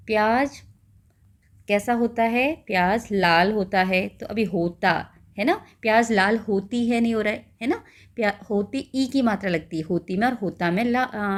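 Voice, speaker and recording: With a mid-range voice, a woman teacher patiently explains a school lesson, often checking in with the listener and slowing down to spell out words.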